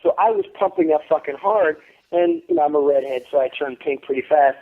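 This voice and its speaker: In a casual phone interview on a tinny line, a thirtysomething actor spins boastful, swear-filled anecdotes and performs the words of others. He speaks a little high and fairly quickly.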